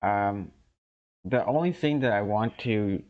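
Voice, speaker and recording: A young man co-hosting a casual podcast chat, talking slowly with many ums and restarts. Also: fairly low pitch, expressive. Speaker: podcast co-host. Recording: dull lo-fi sound.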